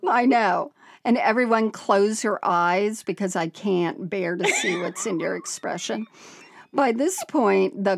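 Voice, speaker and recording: A woman's voice: medium pitch, no echo, clean studio sound. A woman podcast co-host reading a listener's story aloud, often breaking into laughter and exclamations.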